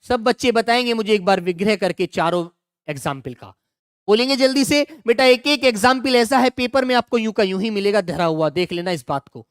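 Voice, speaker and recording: A middle-aged man with a smooth, resonant, rather high voice teaches an online grammar class for exam preparation. He drills each example, repeats words, and keeps pressing students to answer fast, in a close, dry recording without echo.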